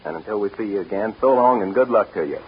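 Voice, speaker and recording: A man's voice: on the low side, fast talker. A man with an American accent hosting a 1940s radio variety show from a script, folksy and courteous. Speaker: show host and bandleader. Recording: noisy, dull vintage radio broadcast.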